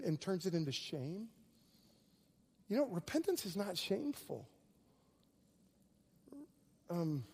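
A middle-aged man preaching a sermon, telling stories animatedly, with frequent restarts and swings between loud and hushed delivery. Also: sits high, breathy edge. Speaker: pastor.

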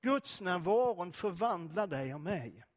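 A man's voice: sits high, animated. A man preaching a sermon, reading scripture and talking to listeners in a conversational way full of direct questions.

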